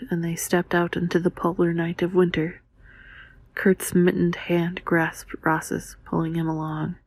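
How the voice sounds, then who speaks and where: A woman reads a story quietly under her breath, often slipping into a near whisper. Her voice is lowish and breathy with a creaky edge, recorded very dry and close for ASMR. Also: dry recording. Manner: reading under breath, hushed, half-whispered. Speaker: audiobook reader. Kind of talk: ASMR quiet reading of a novel.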